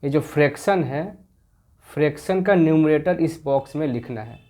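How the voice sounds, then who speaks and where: A man teaching a children's maths class, explaining slowly and repeating each point patiently, and reading the English text aloud very slowly. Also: on the high side, warm tone. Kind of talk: explaining a school maths lesson.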